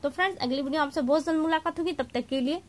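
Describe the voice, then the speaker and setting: Female teacher, high voice, explanatory online lesson, reads out word lists for students. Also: rapid-fire. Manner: explanatory, reads word lists aloud, addresses viewers as friends. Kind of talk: exam-prep grammar lesson.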